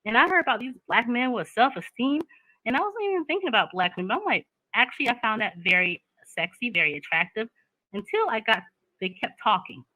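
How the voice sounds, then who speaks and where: A woman's voice: fairly high pitch, sing-song, brisk, sharp tone, no echo, rough recording. A woman, talking candidly in a casual chat and laughing often.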